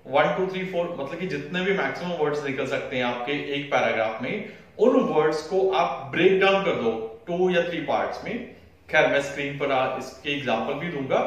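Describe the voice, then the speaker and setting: A man teaching exam prep in an explanatory lesson, repeating key points for emphasis. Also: a little high. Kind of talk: explanatory lesson, mixing Hindi with English phrases. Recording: very echoey room, voice from a distance.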